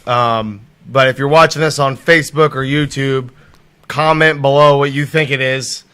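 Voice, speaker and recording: Man, podcast host, casual, profane, excitable, bright voice. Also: mid-range voice, normal speed, smooth.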